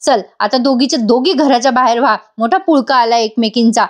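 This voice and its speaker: A woman's voice: fairly high pitch, a little fast, natural voice. A woman voicing an angry young woman who taunts and scolds a rival to throw her out of the house. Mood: angry taunting.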